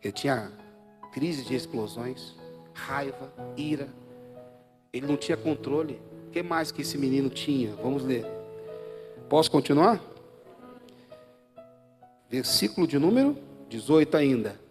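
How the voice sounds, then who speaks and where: A man with a Brazilian Portuguese accent preaching an Easter Sunday sermon in a church, swinging between loud emphatic bursts and low quiet asides. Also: lively intonation, measured pace, long pauses. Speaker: pastor. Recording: live church audio with faint music.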